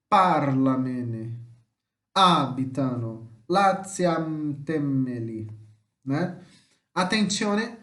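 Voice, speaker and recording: A Brazilian-accented man teaching a homeschool lesson, with a voice pitched a little high for a man. He chats along, tacks questions onto his sentences and sounds out example words slowly. The room around him is echoey. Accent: Brazilian Portuguese. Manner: chatty, many tag questions, slow deliberate word examples.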